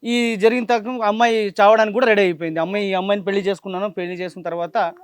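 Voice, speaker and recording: Brief: man, high for a man and fast, defensive, evasive answers. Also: steady tone, clean tone. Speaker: husband in a dispute. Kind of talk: answering on a dispute show.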